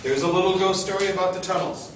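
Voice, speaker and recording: Telling stories to a group on an informal guided tour, a middle-aged man with a high voice speaks quickly and poses questions to his listeners in a conversational way. The recording is distant, noisy and very echoey.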